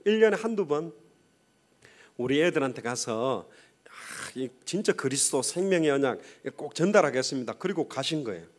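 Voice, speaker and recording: An impassioned male pastor delivering a sermon in a high voice. His pitch swings widely as he builds to fervent peaks, then sinks back to quiet retelling with quoted dialogue. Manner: impassioned preaching with quoted dialogue and sudden drops in volume.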